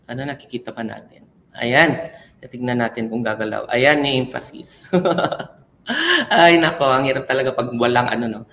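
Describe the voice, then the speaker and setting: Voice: medium pitch, expressive, normal speed, bright, forceful tone, echoey room, a little hiss or hum, poor audio. A teacher giving an online class lecture in a chatty way, checking in with the learners often. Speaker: senior high school teacher.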